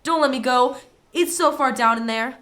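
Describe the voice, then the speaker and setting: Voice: high-pitched, normal speed, bright, forceful tone. A performer playing an eager, reckless young boy in a family drama. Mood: panicked. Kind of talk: acted family film dialogue.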